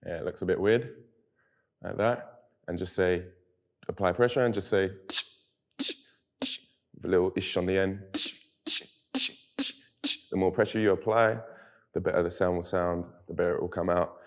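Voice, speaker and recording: A man's voice: low voice, fairly even intonation, moderate pace, long pauses, a little mellow. A man giving a laid-back, friendly beatbox tutorial. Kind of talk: casual tutorial.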